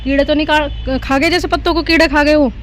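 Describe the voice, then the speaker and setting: A woman's voice: high voice, steady tone, brisk, faint music behind. A middle-aged woman chatting casually to her viewers as she films her garden and her day outdoors on a handheld phone. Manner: chatty, talks straight to viewers and laughs loudly. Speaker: vlogger filming her family day. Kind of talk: casual vlog narration to camera. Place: outdoors in a home garden, later a park.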